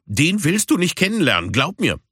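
A man's voice: on the high side, wildly swooping pitch, moderate pace, a bit bright, slightly rough, dry recording, studio quality, pitched above the performer's own voice, full character voice. A man voicing a blunt, curt young female street cat in a storybook reading.

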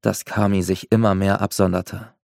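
Deep gravelly male audiobook narrator. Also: little pitch movement, normal speed, a little mellow, no echo, studio quality. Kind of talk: first-person novel narration.

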